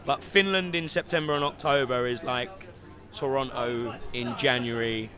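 A man from London speaks with an English accent at an ordinary middle pitch. He answers questions in a relaxed way with dry humor during an outdoor red-carpet chat. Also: normal speed, crowd noise. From London, England. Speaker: actor, guest. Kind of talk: casual interview chat.

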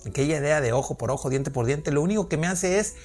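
A man's voice: a little high, expressive, fast talker, darkish tone, soft background music. Earnest man, solo podcast talk. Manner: earnest, explanatory, asks rhetorical questions. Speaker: podcast host.

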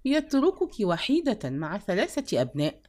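A woman's voice: mid-range voice, huge pitch swings, normal speed, darkish tone. A woman voicing a persistent male suitor in a read-aloud story, coaxing and insistent. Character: persistent middle-aged male suitor, smooth-talking.

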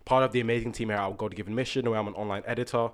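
A man's voice: lowish voice, fairly even intonation, very fast. Upbeat chatty man with Birmingham accent. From England. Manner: upbeat, chatty, laughs easily. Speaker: podcast host. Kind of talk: casual podcast chat.

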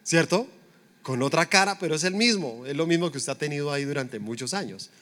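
A man's voice: fairly high pitch, expressive, a little fast, fairly bright tone. A middle-aged man preaching a conversational sermon, full of rhetorical questions to the congregation. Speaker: pastor.

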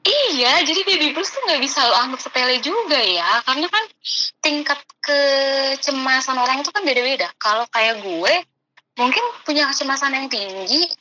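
A woman's voice: sits high, lively intonation, normal speed. A young woman, chatting casually about her own life as a guest. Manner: chatty, uses Jakarta slang. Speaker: guest telling her story. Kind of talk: casual chat. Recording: muffled with clear background noise.

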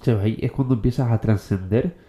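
A young man from the Canary Islands delivers a casual motivational monologue to his followers. He talks very fast in a slightly low, very dark voice. His speech is packed with slang, and he keeps throwing in "tío" and "bro". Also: muffled recording. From Canary Islands, Spain. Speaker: motivational content creator.

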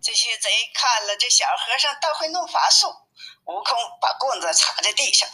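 A woman reading a classic tale aloud with lively, expressive storytelling. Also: fairly high pitch, moderate pace, low-quality recording.

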